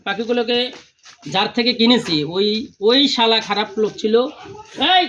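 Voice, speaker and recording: A man filming a vlog outdoors among family, giving brisk directions and repeating religious phrases. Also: very high-pitched, fairly even intonation, sharp tone, a little hiss or hum. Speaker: vlogger. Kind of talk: casual vlog, instructing helpers.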